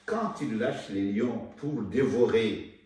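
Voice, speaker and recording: An older man from Rwanda, an author, talking about his book in an interview with hesitant pauses and repeated words. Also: fairly low pitch, darkish tone. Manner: slow, hesitant, repeats words while searching. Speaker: author and guest. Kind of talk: conversational interview. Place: indoor room, seated in armchair. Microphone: far camera. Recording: echoey room, mic at a distance, faint noise.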